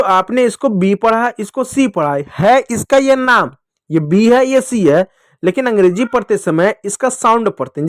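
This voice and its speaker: Male teacher, high voice, dry close sound, patient children's phonics lesson. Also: dry recording. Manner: patient, repeats and asks pupils questions.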